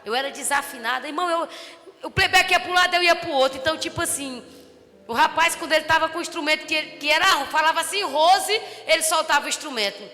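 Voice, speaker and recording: A woman pastor with a Brazilian accent preaches in a high, bright, ringing voice, telling her story with lively energy that swells into fervent shouts. Her sermon carries through a reverberant church hall with soft music underneath. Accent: Brazilian Portuguese. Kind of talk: testimony sermon. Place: church service.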